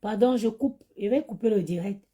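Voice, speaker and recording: A woman's voice: medium pitch, normal speed, dark tone, slightly rough. Tired chatty woman on a phone live stream. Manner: chatty, talks straight to her viewers. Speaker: mother doing a live stream. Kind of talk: casual live-stream chat.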